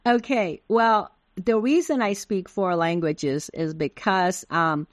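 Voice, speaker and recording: Answering interview questions as a guest, a middle-aged Taiwanese woman whose native tongue is Taiwanese Hokkien explains things patiently. Her mid-range voice moves slowly, recorded cleanly in a studio with no room sound.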